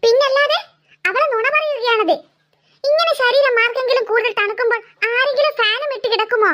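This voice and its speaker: A woman's voice: extremely high pitch, brisk, dull audio, background noise. A woman voicing a blundering, blunt little boy. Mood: blurting. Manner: stammering, blurting.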